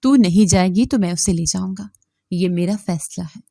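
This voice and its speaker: Woman doing an angry abusive father, loud shouting threats, raised voice, dry close sound. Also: mid-range voice, lively intonation, no room sound, close to an everyday voice. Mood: furious, threatening. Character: angry abusive father, middle-aged man, bullying.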